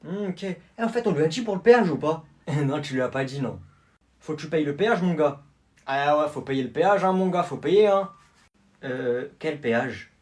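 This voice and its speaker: A man's voice: on the high side, animated, normal speed, darkish tone. A young man acting in comedy skits, hesitant and full of fillers. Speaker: comedy skit actor.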